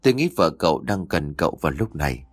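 A man's voice: extremely low pitch, very animated, fast, husky, no room sound, pitched below the performer's own voice, heavily acted. A man voicing an elderly male village exorcist in a horror audiobook, speaking sternly and with authority. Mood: grave.

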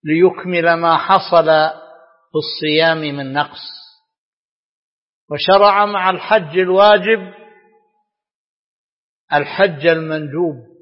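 A man giving a scripted religious lecture in formal standard Arabic, as a scholar, with measured, deliberate phrasing broken by pauses. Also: fairly high pitch. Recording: dull lo-fi, long hall reverb.

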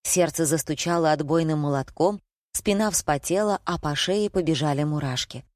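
Brief: woman, low voice, first-person audiobook narration, expressive, dry close sound. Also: normal speed, dry recording. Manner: lively, expressive storytelling.

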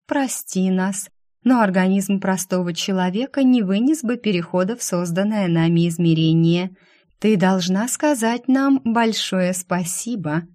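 A woman voicing a sugary, predatory female demon who mocks as she speaks slowly. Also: medium pitch, expressive, a little mellow, natural voice. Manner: slow, saccharine, mocking.

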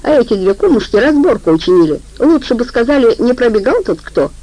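A woman narrator voicing a gruff male guard giving orders in an audiobook. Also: fairly high pitch, sing-song, fairly quick, mellow, no room sound, voice pushed up, poor audio. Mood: commanding. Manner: commanding, barking.

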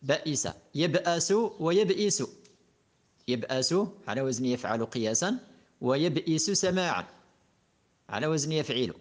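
A man's voice: fairly high pitch, moderate pace, long pauses. A man teaching a lesson on verb morphology, methodically working through conjugations one form after another. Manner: methodical, reciting verb conjugations in steady patterns. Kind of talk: classroom lesson explaining a grammar poem.

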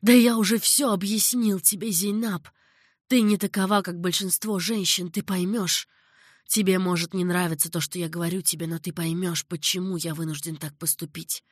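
A woman's voice: fairly low pitch, steady tone, normal speed, dry recording, studio quality, lightly acted. A woman voicing an older male caliph who speaks earnestly, patiently and with sorrow. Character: older male caliph, grave and tender ruler.

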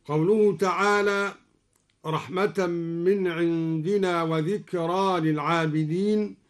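A man from Egypt giving a radio lesson on recitation variants, calmly explaining each point and then chanting the verse slowly and melodically. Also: sits high. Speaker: Quran recitation teacher.

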